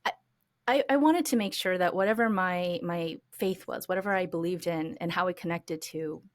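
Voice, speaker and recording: Guest voice: low-pitched American woman, thoughtful, chatty, lots of "um" and "like". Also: moderate pace. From United States. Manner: reflective, many fillers and restarts, laughs lightly. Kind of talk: conversational interview storytelling.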